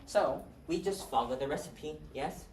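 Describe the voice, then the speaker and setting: A man with a fairly high voice takes his time through a math lecture, keeping it casual and questioning the class as he goes. The lecture hall audio comes from a distant room mic, so it sounds roomy and faraway with a faint hiss underneath.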